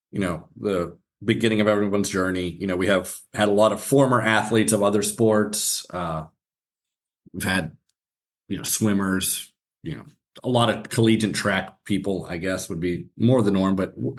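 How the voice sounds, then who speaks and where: Rambling low-voiced man from Pennsylvania. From southwestern Pennsylvania. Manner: rambling, restarting questions. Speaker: podcast host. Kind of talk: casual interview questions.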